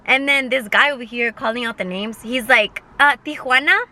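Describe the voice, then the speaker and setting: A young woman in her twenties with a bright, slightly high voice chats over a meal in her parked car. She rambles loosely, full of fillers and casual swearing, as if talking to a friend into her phone. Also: normal speed. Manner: rambling, filler-heavy, swears freely, eats while talking. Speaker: vlogger. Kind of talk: casual mukbang storytime chat.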